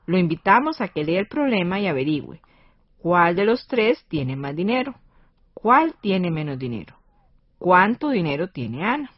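A woman's voice: lowish voice, big pitch swings, moderate pace, husky, no echo, dull audio. A woman with a Costa Rican accent hosting a scripted educational radio lesson.

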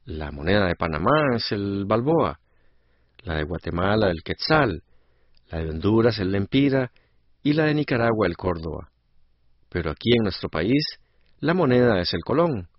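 A man's voice: on the low side, big pitch swings, normal speed, dry recording, muffled recording. A man playing a friendly wishing-fountain barker in an educational radio skit. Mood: explaining.

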